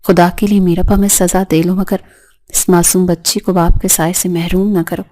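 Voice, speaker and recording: Frail old mother-in-law, read by a woman, weak, trembling, low mellow voice. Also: little pitch movement, close to an everyday voice. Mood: begging. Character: frail older mother-in-law, repentant and begging.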